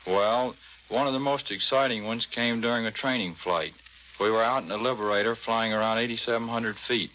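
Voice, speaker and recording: Heard through slightly noisy, muffled 1940s radio, the U.S. Navy patrol squadron commander stays modest and matter-of-fact in his scripted interview. His mid-range voice holds a steady tone and moves a little fast.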